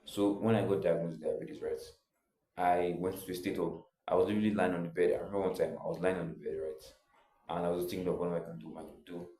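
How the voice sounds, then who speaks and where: A young male vlogger tells a personal story casually, rambling loosely and leaning on filler words. His very low voice is mellow and soft-edged, his tone steady and his pace fast, while the room adds a clear echo.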